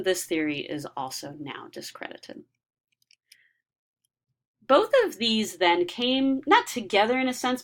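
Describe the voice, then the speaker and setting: A woman's voice: fairly low pitch, fairly bright tone. A woman giving a recorded lecture, explaining ideas step by step with frequent ums and restarts.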